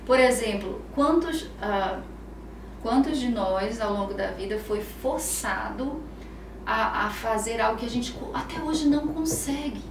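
A Brazilian Portuguese-accented woman explains things as a guest on a podcast, her fairly high voice bright with animated storytelling. She sits a little back from the mic in an echoey room, with faint ambient noise behind her. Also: unhurried, distant mic. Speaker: psychologist guest.

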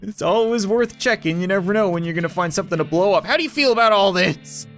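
Animated man doing game commentary over guitar music. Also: high-pitched, quick pace. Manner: theatrical, wry asides. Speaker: gaming video host. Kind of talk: game playthrough commentary, reading text aloud.

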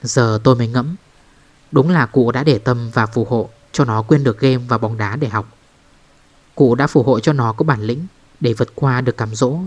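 A man narrating a first-person ghost story in a calm, measured way. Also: medium pitch.

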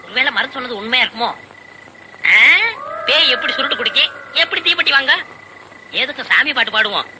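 A man's voice: extremely high pitch, brisk, long pauses, background noise. An actor playing a jumpy, chattering village man out alone at night in a film comedy scene. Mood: nervous. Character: jittery village man walking home at night. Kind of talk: Tamil film comedy acting.

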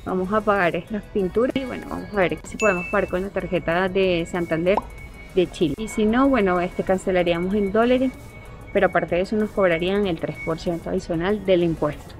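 A woman's voice: fairly low pitch, brisk, over music. A woman with a Venezuelan accent, chatting casually as a vlogger while she reads out prices walking through a large indoor hardware store. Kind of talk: casual vlog tour.

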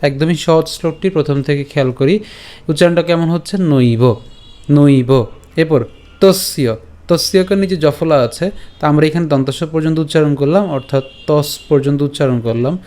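A man teaching Sanskrit verse pronunciation in an online lesson, breaking words into syllables and chanting the lines slowly. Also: fairly high pitch, fairly even intonation, a little mellow.

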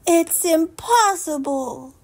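A woman voicing a stubborn, excitable young boy who bursts out in high cries and shouts in a read-aloud storybook. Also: slow pace, heavily acted. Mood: distraught.

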